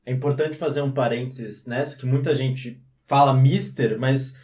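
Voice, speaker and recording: A man joining a language lesson as co-host, talking in a relaxed, conversational way. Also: medium pitch, moderate pace. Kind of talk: casual chat in a lesson.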